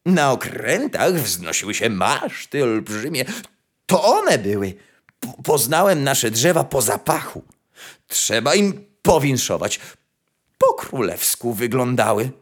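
Storybook stork, old and dignified, a male narrator's take, halting and measured, lively inflection. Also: mid-range voice. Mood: grave. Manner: measured, hesitant speech. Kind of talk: fairy tale reading.

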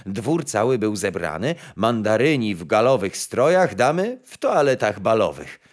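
A man narrating a fairy tale in an expressive storytelling manner. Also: on the low side, normal speed.

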